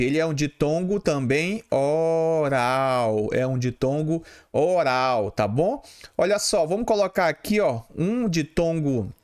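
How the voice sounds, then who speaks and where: A man with a Brazilian Portuguese accent teaching grammar for public exams, who explains patiently, repeats key terms and often checks in with "tá bom?". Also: a little high. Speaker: exam prep teacher.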